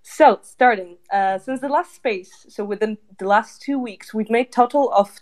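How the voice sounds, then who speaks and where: A woman on a campaign team reporting tweet figures in a casual online audio chat, in a brisk way. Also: fairly high pitch, darkish tone.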